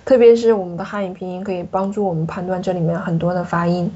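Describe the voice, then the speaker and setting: A woman teaching a French alphabet lesson, patiently repeating each sound slowly for the learner. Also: on the low side, flat delivery, mellow, breathy edge, muffled recording.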